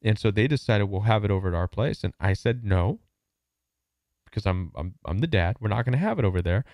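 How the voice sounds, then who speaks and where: A man's voice: on the low side, expressive, fast, darkish tone, no echo. A man hosting a call-in advice show, talking earnestly with frequent restarts and asides. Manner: earnest, repeats words, asks "you know what I mean?". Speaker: host and coach.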